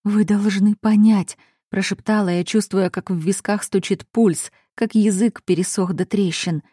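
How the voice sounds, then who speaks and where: A woman's voice: medium pitch, fairly even intonation, moderate pace, warm tone, dry recording, clean studio sound. A woman reading a dramatic first-person fantasy audiobook with tense storytelling. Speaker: audiobook reader.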